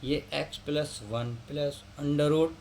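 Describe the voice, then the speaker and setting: A man's voice: on the high side, fairly even intonation, extremely slow, darkish tone. A male math teacher who explains each step and keeps asking his students questions. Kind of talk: classroom lesson. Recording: faint background noise.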